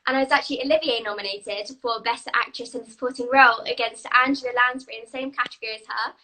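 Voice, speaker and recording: A bubbly, eager young actress from England answers questions in a live video interview. Her voice is a little high, steady and sharp, and she races along, though the audio is poor.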